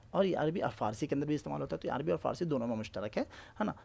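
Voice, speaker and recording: A male teacher walks through an exam-prep lesson at an unhurried pace. He spells out letters one at a time and keeps pausing to make sure his listeners follow. His voice is gravelly, and his pitch rises and falls a lot. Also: darkish tone. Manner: explains slowly, checks often with tag questions.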